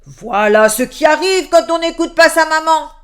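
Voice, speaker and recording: A woman voicing a huge papa bear who shouts every line in a big loud voice, in a children's storybook reading. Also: sits high, lively intonation, normal speed, voice pushed up. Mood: scolding. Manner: shouting loudly.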